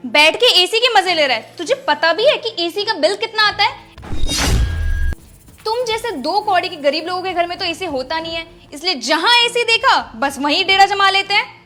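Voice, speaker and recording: A woman playing an arrogant rich lady who scolds her driver in a scripted skit, speaking in a sharp, scornful way. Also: animated, moderate pace, faint music behind, exaggerated voice. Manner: shrill scolding, later soft apology. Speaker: actor in a short moral skit. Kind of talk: scripted social skit acting.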